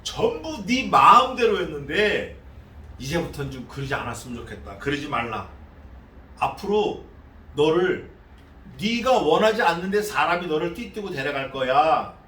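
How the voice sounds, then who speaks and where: A male pastor preaching an expository sermon in a church, animated and conversational, acting out the voices of the figures he speaks of. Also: on the high side, moderate pace, roomy sound, recorded from a distance. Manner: conversational, asks the congregation questions. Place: church sanctuary.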